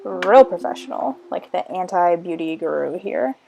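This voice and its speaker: A woman's voice: lowish voice, expressive, normal speed, creaky, dark tone, a little hiss or hum. A young woman narrating a casual makeup tutorial in a chatty, wry, self-deprecating way, sounding a little tired and hungover. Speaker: makeup vlogger. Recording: background music under voice-over. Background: music.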